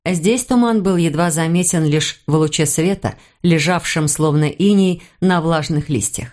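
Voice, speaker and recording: A woman narrating a suspense novel in the first person, calm and measured. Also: low-pitched. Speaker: audiobook reader. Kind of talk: scripted narration.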